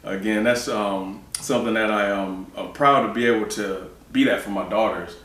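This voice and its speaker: Calm low-voiced man, echoey distant sound. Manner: calm, measured storytelling with fillers. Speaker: guest, father. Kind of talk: casual conversational interview. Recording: roomy distant mic with faint background noise.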